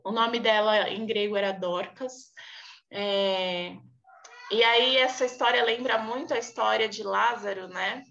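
Slow-speaking woman teaching scripture. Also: mid-range voice, steady tone, a bit bright, highs cut off. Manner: unhurried, thoughtful, with many fillers and restarts. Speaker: Bible study presenter. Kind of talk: casual Bible teaching. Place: at home.

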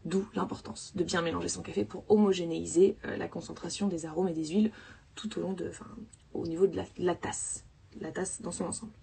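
Husky French woman explaining coffee. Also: on the low side, fairly even intonation, a little fast, warm tone. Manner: chatty, explains step by step with fillers. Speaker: coffee consultant and podcast host. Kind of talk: casual instructional podcast.

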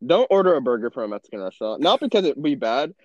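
A man's voice: medium pitch, very fast, no room sound. A young man with a Texan accent, hosting a casual podcast and acting out his own reactions as he tells stories. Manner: animated storyteller, acts out his own reactions. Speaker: podcast host. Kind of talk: casual chat. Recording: dull lo-fi sound.

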